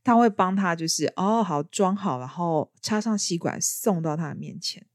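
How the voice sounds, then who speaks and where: A woman chatting casually as a podcast host, telling her stories in a lively way. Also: fairly low pitch, moderate pace, no room sound, studio quality. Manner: lively storyteller. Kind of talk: casual chat.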